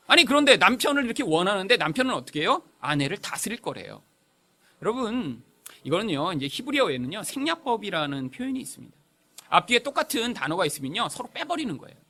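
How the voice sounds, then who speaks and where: A man preaching in a church, his voice high for a man and bright, climbing and falling across a wide span. He tells his own story with feeling, going quiet and then pushing hard into loud stretches. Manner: emotional storytelling, swings between hushed and loud. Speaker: pastor. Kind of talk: sermon with personal testimony. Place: church sanctuary.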